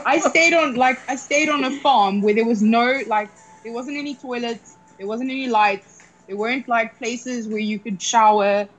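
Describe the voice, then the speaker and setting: Woman, slightly high pitch, chat show co-host, emphatic, repetitive, bantering. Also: moderate pace, poor audio. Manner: emphatic, repeats phrases in mock protest.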